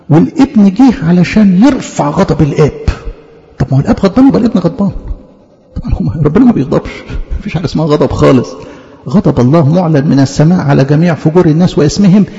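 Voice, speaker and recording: A man's voice: on the high side, animated, very fast, mellow. A man with an Egyptian Arabic accent preaching a teaching sermon, arguing through rhetorical questions and emphatic repeated denials. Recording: echoey hall, dull lo-fi sound.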